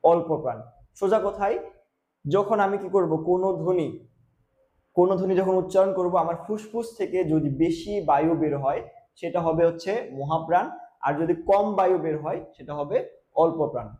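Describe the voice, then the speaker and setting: A man's voice: high voice, fairly quick. Young male teacher, echoey room. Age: young adult. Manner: explains by asking and answering his own questions; stresses key terms loudly. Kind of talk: classroom lesson.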